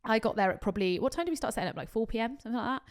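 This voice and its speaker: A woman's voice: on the high side, animated, very fast. A woman in her thirties, co-hosting a podcast as a casual, swearing storyteller who laughs often. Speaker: podcast co-host. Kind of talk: casual chat.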